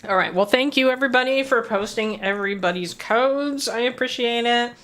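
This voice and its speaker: A woman's voice: on the high side, a little fast, fairly bright tone. A woman chatting casually on a gaming livestream, greeting and thanking her viewers as she plays. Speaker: game streamer.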